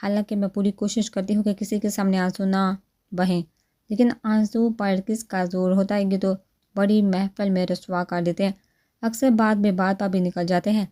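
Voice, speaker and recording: A woman's voice: mid-range voice, little pitch movement, mellow, lightly acted. A woman reading the part of a heartbroken, tearful young woman, bittersweet and wistful, in a storybook reading.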